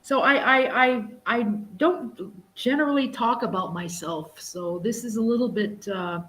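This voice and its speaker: On a low-quality video call, a middle-aged woman guests on a live stream, chatting casually with plenty of restarts and "you know." She teaches English and tutors for exams. Her pitch is fairly high, her tone fairly bright, and she takes her time.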